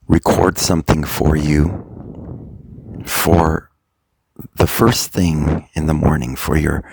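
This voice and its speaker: Leading a guided meditation that doubles as a soft motivational talk, a male coach speaks in an extremely low, creaky, gravelly and husky voice. His slow, deliberate short phrases are separated by long pauses, recorded close and dry without any echo.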